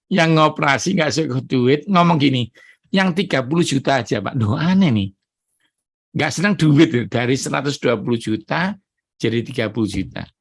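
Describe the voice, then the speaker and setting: Gravelly Indonesian preacher testifying tearfully. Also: male voice, medium pitch, dry recording, clean studio sound. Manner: emotional, addresses congregation as saudara. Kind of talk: sermon testimony.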